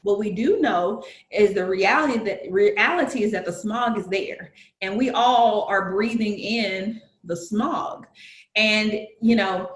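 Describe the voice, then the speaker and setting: A woman with a Southern US accent, speaking as a guest, talks slowly in a mid-range voice, and the recording is reverberant. In casual conversation she earnestly explains her points, leaning on analogies and lots of fillers.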